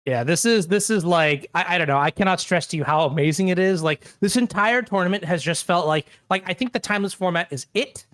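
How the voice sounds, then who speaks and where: High-voiced excitable young man. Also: fairly quick, few pauses, no echo. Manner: excitable, stammering restarts. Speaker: tournament co-commentator. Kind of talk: live esports commentary.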